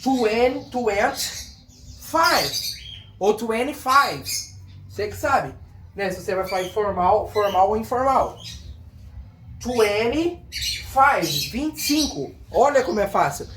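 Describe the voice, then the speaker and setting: A woman with a Brazilian Portuguese accent teaching a casual English lesson, repeating words slowly to drill pronunciation. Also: medium pitch, lively intonation, slight background noise. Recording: echoey room with birds outside.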